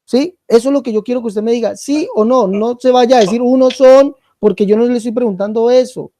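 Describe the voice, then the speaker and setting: A man questioning his opponent in a debate, insistent, slow and deliberate, repeating his questions. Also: extremely high pitch, mellow, dry recording, clean studio sound. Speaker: apologist in a debate.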